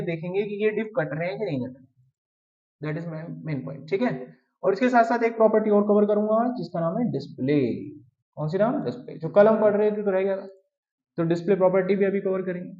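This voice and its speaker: A man's voice: sits high, dark tone. A man teaching web design step by step in a conversational tone, often asking his students questions. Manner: conversational, asks the class questions. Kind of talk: live coding tutorial. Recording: distant mic, dull lo-fi sound.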